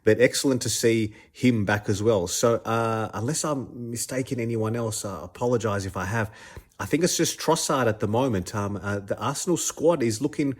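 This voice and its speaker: An Australian man hosts his own podcast, offering casual solo commentary in a mid-range voice at normal speed. He's a little stuffed up with a cold but talks enthusiastically, restarting often and repeating words.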